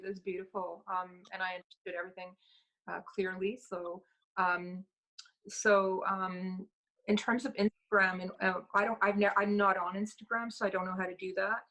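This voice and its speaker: A woman's voice: mid-range voice, level tone, moderate pace, sharp tone, rough recording. A woman talking casually and hesitantly as a participant, her speech affected by missing front teeth. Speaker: event participant. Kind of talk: casual questions and sharing.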